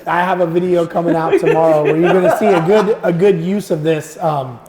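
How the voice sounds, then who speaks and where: A man's voice: fairly high pitch, fairly quick, reverberant, a loud crowd. A man, a content creator, telling funny stories in a casual podcast chat and acting out the voices he quotes. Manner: animated, acts out quoted voices with laughter.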